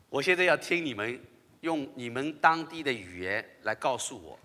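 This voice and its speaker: Lively, bright-voiced male pastor. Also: medium pitch, slow, long reverb tail. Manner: animated, laughs often, asks the audience questions. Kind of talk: interactive sermon with congregation.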